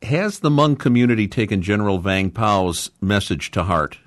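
A man's voice: fairly low pitch, animated, moderate pace. A man hosting a public affairs interview, introducing topics and putting questions to guests. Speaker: host.

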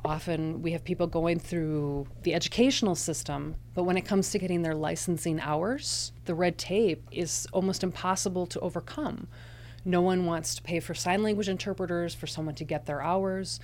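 A woman giving a live interpreter voice, speaking aloud for deaf speakers in the first person. Her voice sits a little low, and her delivery is measured and deliberate, with some rephrasing. A faint hum runs under her voice. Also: steady tone, darkish tone. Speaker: sign language interpreter.

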